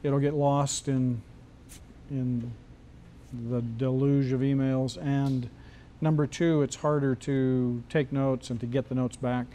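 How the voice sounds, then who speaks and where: Mellow-voiced man teaching a casual class. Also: mid-range voice, little pitch movement, slow, slight background noise. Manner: loose, joking, many restarts. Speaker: screenwriting teacher.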